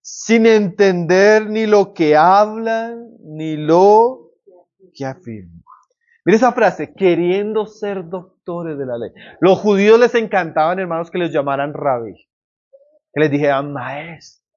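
Man preaching, fervent and urgent, slightly high voice, lo-fi recording. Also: slow pace. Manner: impassioned, swings between loud emphatic lines and quiet low ones; repeats and addresses listeners as brother. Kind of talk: sermon.

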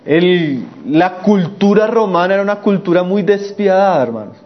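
A male preacher with a notably high voice delivers an emphatic sermon. He sinks his voice low to stress a point and slows to a crawl when reading scripture. The recording is dull and lo-fi. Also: expressive. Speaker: pastor. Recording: muffled lo-fi recording.

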